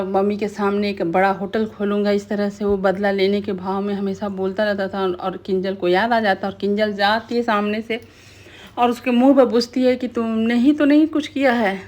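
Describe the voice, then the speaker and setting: A woman's voice: mid-range voice, level tone, normal speed, darkish tone. A woman casually retelling the events of a TV serial episode, talking steadily with colloquial asides. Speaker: TV serial recap narrator. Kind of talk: casual storytelling recap.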